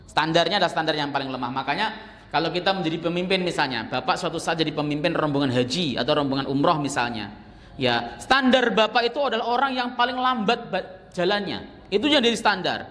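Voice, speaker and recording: A man's voice: fairly high pitch, lively intonation, a little fast, fairly bright tone, big-room sound. A middle-aged man giving a conversational Islamic study lecture in a mosque, with teasing asides. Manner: conversational, teasing asides, chants verses in demonstration. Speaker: Islamic teacher.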